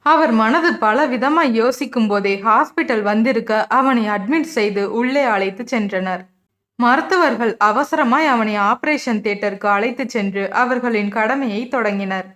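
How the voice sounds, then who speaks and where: A woman narrating her own romance audio novel in a steady storytelling manner. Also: on the high side, moderate pace. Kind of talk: scripted narration.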